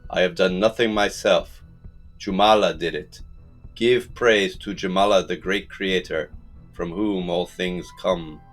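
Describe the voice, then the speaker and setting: A man's voice: low voice, fairly even intonation, a little slow, soft background music. A man voicing an old greybeard father, a wise healer who commands and preaches solemnly, in a storybook reading. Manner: commanding, incantatory.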